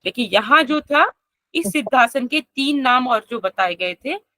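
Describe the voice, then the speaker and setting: A woman teaching an online yoga class, explaining step by step, chanting verses slowly and asking her students questions. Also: high voice, lively intonation, pushed and bright, no room sound.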